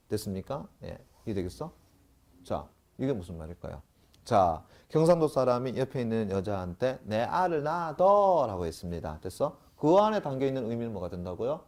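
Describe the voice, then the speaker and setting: Animated male grammar lecturer. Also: medium pitch. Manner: animated, keeps checking understanding with short questions. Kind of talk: classroom lecture.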